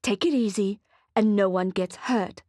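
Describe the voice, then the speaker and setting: A woman narrator voicing a female security cop calmly coaxing a prisoner, in an audiobook. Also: medium pitch, a little slow, dry recording, studio quality, lightly acted. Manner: calming, coaxing.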